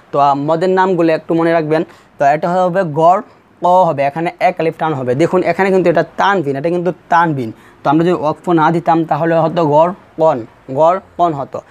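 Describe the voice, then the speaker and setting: A man with a Bangladeshi Bengali accent teaching the rules of pausing in Quran recitation, repeating each point slowly and drawing out the recited syllables. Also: on the high side, a little mellow. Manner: slow, repetitive explanation, drawing out recited syllables.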